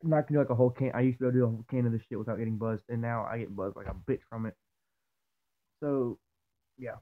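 A young man with dip tucked in his lower lip, talking in a loose, profane, rambling way in a casual vlog. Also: steady tone, quick pace. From Georgia, US. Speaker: vlogger. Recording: tinny phone-like audio.

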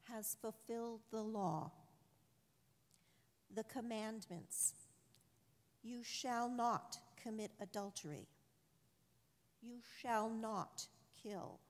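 A woman's voice: on the high side, a little mellow. A middle-aged woman reading scripture as a church lector in a formal liturgical style. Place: large church interior. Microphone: gooseneck lectern microphone. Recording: long church reverb.

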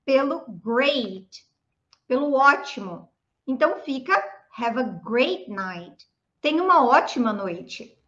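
Bright lively Brazilian woman teacher. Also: sits high, dull audio. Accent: Brazilian Portuguese. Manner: lively, chatty, demonstrates phrases slowly. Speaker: English teacher. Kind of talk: online pronunciation lesson.

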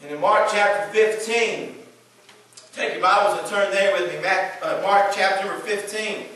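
A man preaching a sermon, reading Bible verses aloud and building to shouted emphasis. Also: sits high, moderate pace, heavy reverb, distant mic, low-quality recording.

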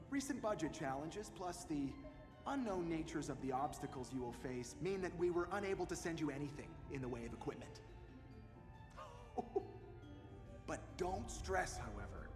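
An actor playing a cheery, salesy male corporate CEO, giving an upbeat promotional pitch with breezy asides. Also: roomy sound, long reverb tail. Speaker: company CEO in a game video.

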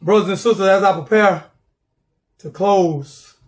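A man's voice: high voice, a little slow. A middle-aged man preaching a sermon from his living room, fervent and repeating words as he builds, calling for responses.

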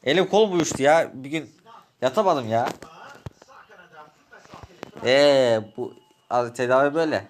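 A man in a Minecraft role-play, bickering in a taunting, rough, slangy way. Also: medium pitch, a little slow, pauses often, slight background noise.

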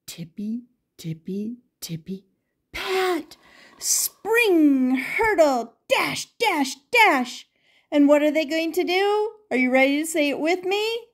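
Here an older woman, high-voiced, reads a picture book to young kids in a grandmotherly manner. Her delivery is emphatic and expressive, full of repeated phrases and questions.

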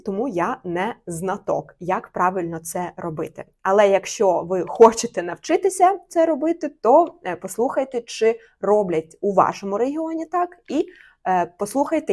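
A young woman, a Swedish teacher, runs a friendly online lesson at a medium pitch. She speaks clearly and repeats each phrase slowly so that learners can follow. Her delivery is steady and instructive.

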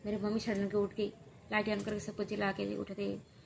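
A woman vlogger recounts a personal story, her voice gravelly and low in melody, barely rising or falling. She speaks haltingly, with frequent pauses and fillers, and grows earnest when she advises the listener. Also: completely flat delivery, a little hiss or hum.

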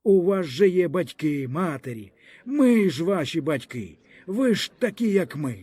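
A man's voice: fairly high pitch, very animated, a little slow, dark tone, breathy edge, no room sound, exaggerated voice. A man playing an anguished peasant leader. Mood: pleading. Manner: pleading, anguished. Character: desperate peasant leader pleading with soldiers.

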